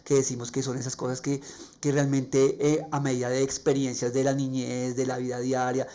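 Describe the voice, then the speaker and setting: A man with a Colombian accent and a nasal, raspy voice, hosting a faith-based podcast monologue and sharing personal stories earnestly. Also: medium pitch, monotone, moderate pace, dark tone. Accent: Colombian Spanish. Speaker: podcast host.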